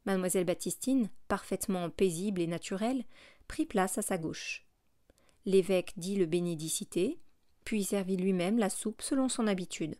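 A woman narrates a classic novel as an audiobook in a steady, measured reading voice. Her pitch sits in an ordinary middle range. The recording is dry and close, with no room echo.

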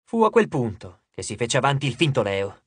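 A man narrating an audiobook in an expressive storytelling manner, close to the mic. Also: mid-range voice, brisk, slightly rough, no echo. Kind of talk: scripted narration.

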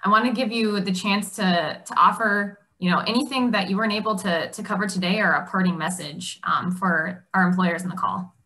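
A woman's voice: mid-range voice, brisk, hardly any pauses, bright, forceful tone. A woman hosting an online forum on a video call, thanking a guest and handing over to the next session. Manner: friendly, handing off to speakers. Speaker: forum host. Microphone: webcam on a video call.

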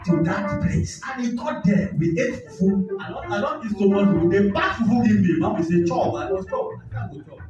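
A man with a Nigerian accent giving an animated testimony at a church service, mixing in pidgin and handheld mic. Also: on the high side. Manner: animated, mixes pidgin, shouts call-and-response. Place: large church hall. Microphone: handheld microphone. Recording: echoey hall, far mic, dull sound with music.

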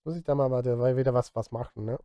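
Chatting casually on a live music stream, a middle-aged film music composer and streamer thinks aloud and grumbles at himself. His mid-range voice is steady and fast. He's close on a studio mic in his indoor home studio, and the audio sounds dull.

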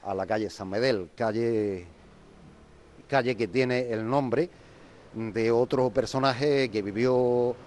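A man's voice: medium pitch, slow pace, a little mellow, a little hiss or hum. A man, guiding a walk through old town streets and explaining their history in unscripted speech with frequent restarts. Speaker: local historian guide. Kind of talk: walking tour explanation. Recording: local TV street report.

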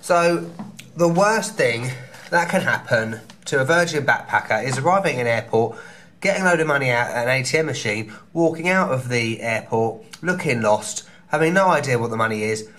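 A London-accented travel vlogger in his thirties talks cheekily through a travel advice video from a small hotel room, tossing in quick asides. His medium-pitched voice is expressive with a fairly bright tone, recorded by a camera held close at arm's length.

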